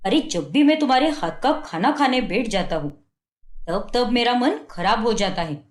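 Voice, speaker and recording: A woman's voice: a little high, lively intonation, moderate pace, reverberant, natural voice. A woman doing a scornful cartoon husband. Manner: scolding, contemptuous complaints. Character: fault-finding young husband, harsh and demanding. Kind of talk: Hindi cartoon dubbing.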